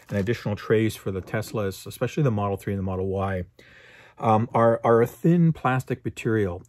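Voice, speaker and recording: A man with a somewhat low voice hosts his own show and talks through products in a casual review. He is easygoing and loose, often pausing on uh and um as he thinks aloud. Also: a little mellow, slight background noise. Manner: easygoing, frequent uh and um fillers. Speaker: host.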